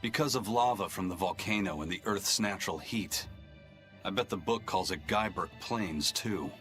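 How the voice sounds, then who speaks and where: An actor playing a gruff, weary man in a video game, with a dry, exasperated manner. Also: deep voice, normal speed, fairly bright tone, soft background music. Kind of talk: game voice acting.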